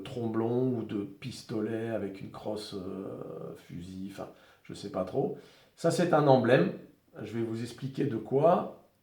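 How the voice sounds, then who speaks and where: A French-accented man talks through a collector's revolver in a relaxed, stop-and-start way, filling pauses and restarting phrases. His voice is mellow and dark. It is recorded in a room with clear echo. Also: medium pitch. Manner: hesitant, many fillers and restarts. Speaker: firearms collector presenting a revolver. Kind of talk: casual video presentation.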